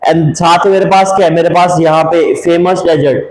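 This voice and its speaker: A man with a slightly high, steady voice gives a map-based geography lesson for exam students at a normal speed. He asks rhetorical questions, drawls and repeats place names, and slips in English phrases. The room is echoey and the audio quality is poor.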